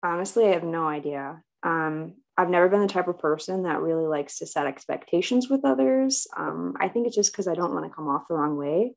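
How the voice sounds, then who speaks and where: A woman's voice: lowish voice, expressive, fairly quick, creaky, hardly any pauses, rough recording. A woman speaking as a client in a counseling role-play, talking hesitantly and with self-doubt about herself.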